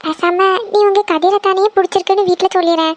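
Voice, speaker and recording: A woman's voice: very high voice, steady tone, fast talker, no echo. A woman voicing a practical, outspoken young woman friend in a cartoon, giving blunt advice. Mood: advising. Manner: scolding, advising. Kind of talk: cartoon voice acting.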